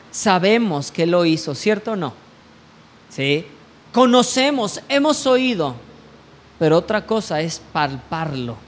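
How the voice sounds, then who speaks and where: A man preaching a sermon, telling a personal testimony and asking the congregation rhetorical questions. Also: high voice. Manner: slow, deliberate delivery.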